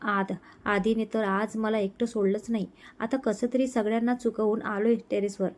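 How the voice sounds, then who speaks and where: A woman voicing a tender, reassuring young man who speaks gently and unhurriedly to his fiancée. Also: a little high, fairly even intonation, normal speed, natural voice.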